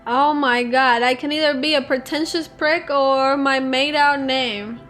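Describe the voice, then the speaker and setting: A woman with a high-pitched voice plays through a video game and comments casually as she goes. She reads the choices out and thinks aloud over faint music. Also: fairly even intonation, measured pace, a bit bright.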